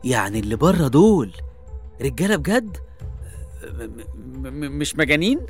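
A man's voice: medium pitch, very animated, measured pace, faint music behind. A man with an Egyptian accent playing a young captive, blustering and stammering when afraid. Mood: defiant. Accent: Egyptian Arabic. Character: young man captive on an island of women, defiant.

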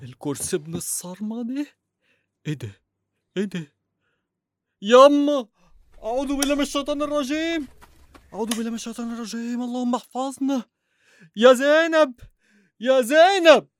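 A man's voice: high-pitched, sing-song, brisk, long pauses, dark tone. A man playing a hot-tempered, superstitious Egyptian father who blusters and exclaims, in a radio comedy drama. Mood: panicked. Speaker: actor in a radio serial.

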